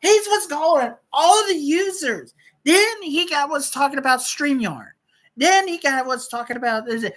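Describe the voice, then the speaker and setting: A woman's voice: sits high, animated, measured pace, rough recording. A woman hosting a livestream, telling a rambling story with lots of repetition and cursing. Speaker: livestream host.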